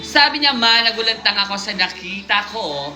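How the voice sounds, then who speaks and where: A woman's voice: medium pitch, expressive, normal speed, music in the background. A woman hosting a live stream, reading a viewer's submitted story aloud and breaking off to joke and comment on it. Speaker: livestream host reading viewer stories.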